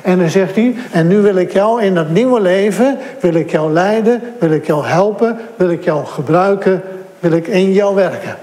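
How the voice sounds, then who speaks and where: Preacher with a high voice in an echoing hall. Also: male voice, moderate pace, dark tone. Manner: earnest, repetitive emphasis, addresses listeners directly. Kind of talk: sermon. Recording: echoey hall.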